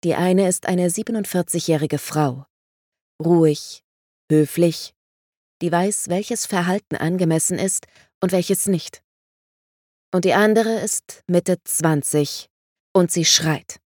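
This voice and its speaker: A woman narrating audiobook samples in a measured, expressive reading. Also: on the low side, no room sound, studio quality.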